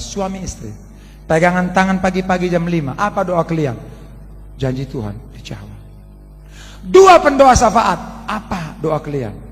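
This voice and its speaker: Brief: high-pitched male pastor, lively colloquial sermon, echoing through a large church hall. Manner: animated, colloquial, addresses the congregation as "saudara". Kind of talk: storytelling sermon. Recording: long reverb of a large hall.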